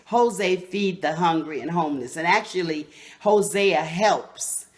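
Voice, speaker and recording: A woman's voice: fairly low pitch, unhurried, a little hiss or hum. A woman who leads a nonprofit, speaking in an earnest, encouraging, slightly preachy way in a casual interview. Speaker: nonprofit leader, guest.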